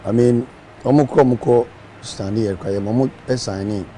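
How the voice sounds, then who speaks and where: A man's voice: fairly low pitch, steady tone, normal speed, mellow, a little hiss or hum. A man speaking casually about politics, hesitant and often repeating his words.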